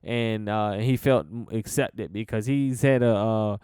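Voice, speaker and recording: A man's voice: on the low side, a little slow, darkish tone, clear, resonant tone, no echo, studio quality. A young American man hosting a casual solo podcast, rambling and laid-back with many fillers and restarts, swearing casually. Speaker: podcast host.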